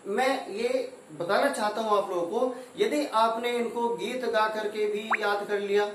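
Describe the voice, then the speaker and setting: A man teaching a Hindi grammar lesson. He recites Sanskrit sutras and then explains each one step by step. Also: sits high. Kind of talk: classroom-style grammar lesson. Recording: very echoey room, voice from far off, faint background noise.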